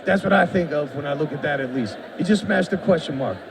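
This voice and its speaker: High gravelly man commentating excitedly. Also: fast talker. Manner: excitable, joking, mock wrestling-commentator. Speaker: game developer commentating a live demo. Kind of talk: playful play-by-play commentary. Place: busy expo show floor. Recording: noisy expo floor, mic far off.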